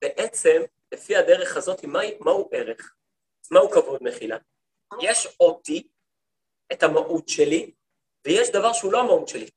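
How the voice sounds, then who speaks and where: A man with a fairly high voice teaches a class as a rabbi. He tells his stories in a lively way, playing out the lines of the people in them, and he keeps turning to his listeners with questions. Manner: lively storytelling, acts out quoted speech. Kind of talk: lecture to a women's study group.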